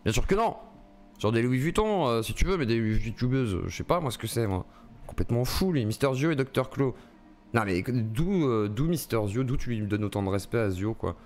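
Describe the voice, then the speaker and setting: A man's voice: medium pitch, lively intonation, moderate pace, darkish tone. A man live-streaming, reacting to a video with an indignant, crude rant and mocking put-on voices. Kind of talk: ranting live-stream commentary.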